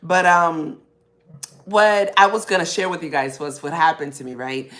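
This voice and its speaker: Woman, podcast host, casual storytelling, animated, acts out quotes. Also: sits low, normal speed.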